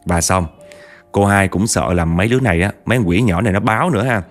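A man's voice: deep voice, fast talker, soft background music. A man with a Southern Vietnamese accent telling a spooky story in a chatty way, talking straight to his listeners. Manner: chatty, addresses listeners directly, acts out quotes.

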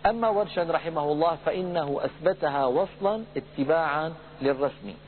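A middle-aged man teaching Quran recitation, explaining rules calmly to his brothers in the audience and demonstrating verses in a slow, drawn-out chant. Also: a little high. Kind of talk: religious lesson lecture. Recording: tinny phone-like lo-fi recording with faint hum.

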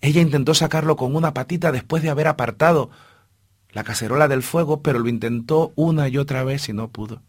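Male radio storyteller, husky, dry close sound, playful rhythmic telling. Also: mid-range voice, a little fast, dry recording.

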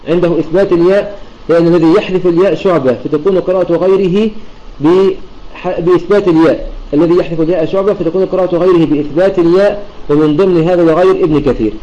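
A man's voice: high voice, warm tone. A man teaching an online religious lesson, explaining methodically and restating each point as he goes. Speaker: Quran recitation teacher. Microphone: computer mic in an online voice chat room. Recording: dull lo-fi online voice chat.

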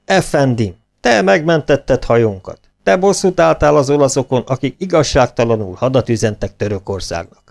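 A man's voice: mid-range voice, expressive, gravelly, hardly any pauses, pitched above the performer's own voice. A man voicing a grateful ship commander in a storybook, speaking earnestly.

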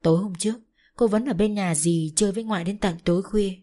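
Measured woman storyteller reading a tale. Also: medium pitch, dark tone. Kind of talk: scripted story narration.

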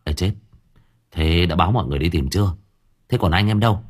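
A man voicing a worried adult villager who talks quickly and sounds alarmed. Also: deep voice.

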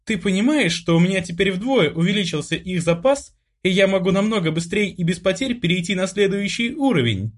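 A man voicing an excitable, bossy teenage sister. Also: fairly quick, few pauses. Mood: excited. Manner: high, breathy, excitable. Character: teasing, bold teenage sister, playful and bossy. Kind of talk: audiobook character voice.

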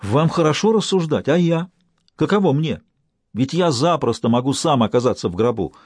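A man's voice: medium pitch, expressive, normal speed, a little mellow, no room sound, studio quality, pitched above the performer's own voice. A man reading an audiobook, voicing a panicky young male bank clerk in a hysterical, pleading way. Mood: panicked.

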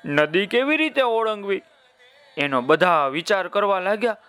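Bright lively man telling kids' stories. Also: sits high, measured pace, smooth, soft background music. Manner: playful, addresses listeners directly. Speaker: children's storyteller. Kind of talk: storytelling for children.

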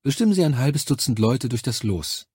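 Guy reading an audiobook doing a brisk lady army doctor, bossy and practical, husky voice, dry close sound. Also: mid-range voice, expressive, a little mellow, no echo, voice pushed up. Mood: urging. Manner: firm, matter-of-fact, briskly commanding. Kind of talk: audiobook character voice.

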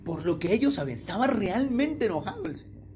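Pastor, very high voice, keeps asking the church questions. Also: male voice, very animated, quick pace, a little mellow, a little hiss or hum. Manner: conversational, asks the congregation questions. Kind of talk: sermon.

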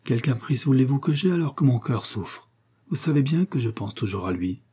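A man's voice: mid-range voice, animated, moderate pace, mellow, husky, pitched above the performer's own voice. A man voicing a sorrowful, lovesick young heiress in an audiobook, speaking plaintively and sighing.

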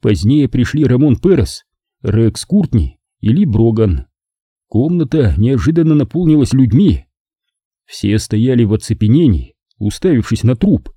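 Man reading a detective audiobook, dark mellow voice, husky, dry close sound. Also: mid-range voice, sing-song, dry recording. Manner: measured, dramatic storytelling. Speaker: audiobook narrator. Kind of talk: first-person detective novel reading.

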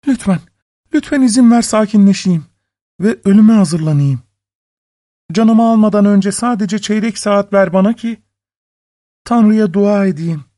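A man's voice: animated, moderate pace, long pauses, mellow, no room sound, studio quality. A man doing a frightened young wife. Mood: pleading. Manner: high-pitched, pleading and tearful.

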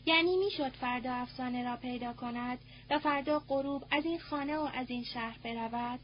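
A woman narrating a novel in a measured, even reading, on a muffled recording with a faint hum. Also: high-pitched. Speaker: audiobook narrator. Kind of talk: scripted narration.

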